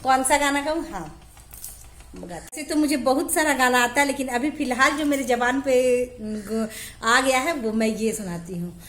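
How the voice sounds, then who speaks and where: A woman, chatting quickly and freely to camera at home as a home vlogger. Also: high voice, lively intonation, a bit bright. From Jharkhand, India. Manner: chatty, talks fast. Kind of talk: casual chat to camera. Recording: echoey room with faint music.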